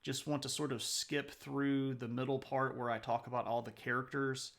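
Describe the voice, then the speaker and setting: A man's voice: mid-range voice, level tone, moderate pace, fairly bright tone. A man hosting a live stream, chatting casually with viewers, answering their messages aloud and laughing often. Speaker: livestream host.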